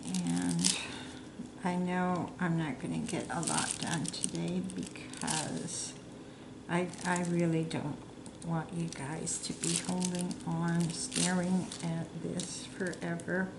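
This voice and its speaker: Slow, rambling woman chatting while crafting. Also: lowish voice, level tone. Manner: rambling, chatty, self-deprecating. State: hiccups. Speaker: crafting vlogger. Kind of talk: casual chat while crafting. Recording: echoey room with clear background noise.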